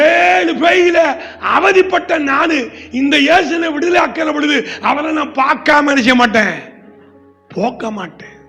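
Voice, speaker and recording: A male pastor with a Tamil Nadu accent preaches emphatically, his voice sitting very high and ringing with a bright, forceful edge. He bursts into shouts at times. The sound comes from a church hall with a long reverberant tail and a faint bed of music underneath. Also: vocal fry. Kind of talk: sermon.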